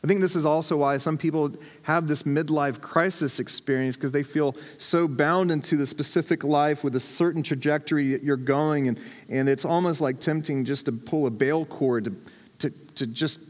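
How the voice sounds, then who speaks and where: Male pastor, light humorous storyteller, slightly high voice, reverberant sanctuary. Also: moderate pace. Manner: storytelling, self-deprecating humor. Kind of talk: sermon. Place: church sanctuary. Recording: long hall reverb.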